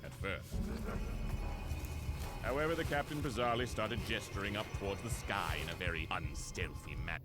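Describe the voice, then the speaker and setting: A man playing a pompous, meddling story narrator, speaking formally and theatrically in the hushed manner of a nature documentary. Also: lowish voice, moderate pace, lightly acted. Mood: smug, measured. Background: loud music.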